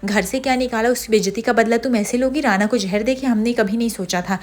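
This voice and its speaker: A woman's voice: a little high, fairly quick, a little mellow, natural voice. A woman reading as a spiteful taunting relative. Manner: taunting, insulting. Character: spiteful older family woman taunting the bride.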